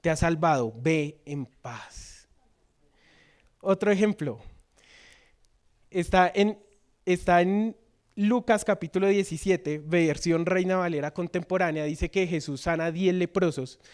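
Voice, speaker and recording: Reading from scripture and questioning his congregation, a preacher from Colombia delivers a church sermon. He speaks in a smooth, high voice at an unhurried pace, alternating between loud and quiet passages.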